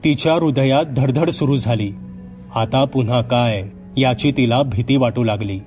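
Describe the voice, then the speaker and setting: A male storyteller reading a horror bedtime tale in a dramatic, steady manner. His voice sits at a middle pitch, and soft music plays faintly underneath. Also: unhurried. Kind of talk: scripted horror story narration.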